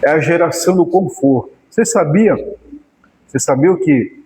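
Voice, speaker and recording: Man, Bible commentary teacher, explanatory, rhetorical questions, slightly high voice. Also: animated, normal speed, darkish tone, slight background noise. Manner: explanatory, asks rhetorical questions and answers them. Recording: long hall reverb.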